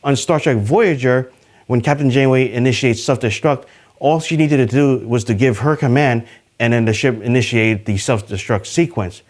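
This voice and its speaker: A man's voice: normal speed, darkish tone. A man hosting a casual trivia video, talking to the camera in an upbeat, chatty way with plenty of fillers. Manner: enthusiastic, pitch jumps on list numbers. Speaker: YouTube host.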